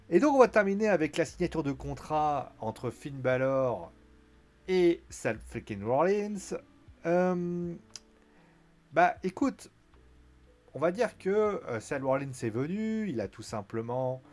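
A chatty man talks through a wrestling show in a loose, conversational recap. His pitch jumps around a lot, and he leans on fillers. He often slips into a raised voice to act out what the wrestlers said. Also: a little mellow. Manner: chatty, lots of fillers, acts out quotes in a raised voice. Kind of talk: casual spoken recap.

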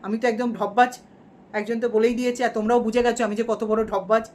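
A woman's voice: a little high, fairly even intonation, rapid-fire, darkish tone, lightly acted. A woman playing a boastful, shameless female vlogger villain who gloats in mock-defiant rants during a parody livestream. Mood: mock farewell.

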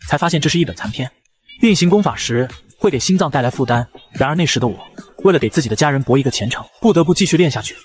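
A man's voice: a little high, slightly rough. A man narrating a comic story, voicing a frail elderly clan patriarch who speaks solemnly and formally. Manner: solemn, courteous.

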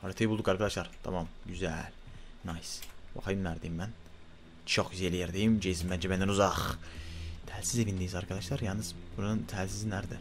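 Excitable young man gaming. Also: sits low, brisk, a little hiss or hum. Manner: loud frantic outbursts and mutters to himself. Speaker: gaming YouTuber. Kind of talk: excited let's-play commentary.

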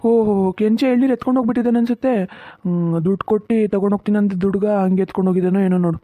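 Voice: mid-range voice, fairly even intonation, no room sound, natural voice. An actor doing Puttappa, a fussy old farmer. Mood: muttering. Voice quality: fast, grumbling, talks to himself. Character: older village farmer with coconut grove, fussy, fretting about money. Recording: tinny narrow-band sound, dry.

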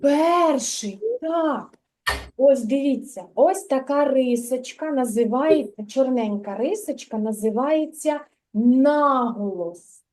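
Slow, high-voiced kindergarten teacher. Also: female voice, animated, darkish tone. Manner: slow, drawn-out, sing-song repetition of words; patient, questioning and correcting children. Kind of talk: literacy lesson for young children. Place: kindergarten classroom.

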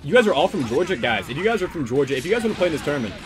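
Fast-talking casual male streamer. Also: fairly high pitch, very animated, music in the background. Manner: loose, rambling, swears freely. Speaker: tournament organizer and stream commentator. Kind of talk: casual gaming stream commentary.

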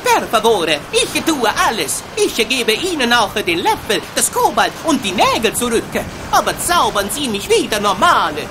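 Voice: mid-range voice, sing-song, moderate pace, hardly any pauses, lightly acted. Woman voicing a boy with jolly mock-Italian accent. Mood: pleading. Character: boy apprentice turned into mustachioed Italian plumber. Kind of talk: video game voice acting. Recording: clear background ambience noise.

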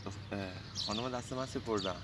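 A hesitant, polite man talking outdoors. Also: lowish voice. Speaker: unwitting bystander. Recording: distant outdoor recording with loud noise.

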